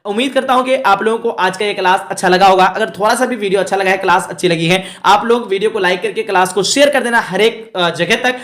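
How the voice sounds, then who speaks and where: A man's voice: sits high, fast, few pauses, a bit bright. Man teaching an exam-prep class. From India. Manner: explains step by step, often asks and answers his own questions; repeats "thik hai" to check in with students.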